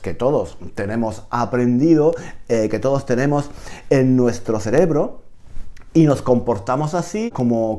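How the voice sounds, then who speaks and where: A man from Spain with a Spain Spanish accent, giving a casual video lesson as a Spanish teacher, animated and repeating phrases as he explains. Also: mid-range voice.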